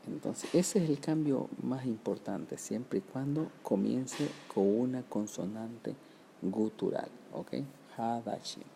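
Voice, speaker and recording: A man's voice: mid-range voice, slow, creaky, mellow, slight background noise. A man teaching a Hebrew grammar lesson, explaining step by step, sounding out words syllable by syllable and checking with "¿verdad?".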